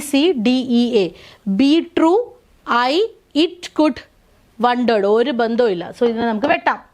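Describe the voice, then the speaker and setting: A woman's voice: high voice, darkish tone. A woman teaching an exam-prep lesson, going step by step and asking the class questions.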